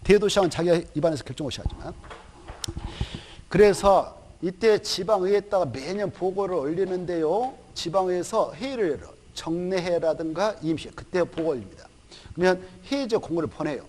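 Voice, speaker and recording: A male lecturer with a fairly high voice teaches a recorded exam-prep course. He talks in a lively, chatty way, throws questions at his students and answers them himself, and slips into quick acted-out asides. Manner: acts out officials in quick quoted asides.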